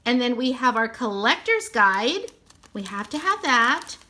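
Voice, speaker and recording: A woman's voice: a little high, sing-song, a little slow, bright, forceful tone. A woman narrating a toy unboxing, gushing sweetly and repeating how cute everything is.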